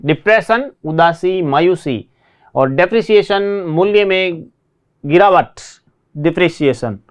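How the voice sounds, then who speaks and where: A man teaching English vocabulary in a classroom lesson, repeating word pairs slowly and explaining them in Hindi. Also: fairly high pitch, expressive, clean tone.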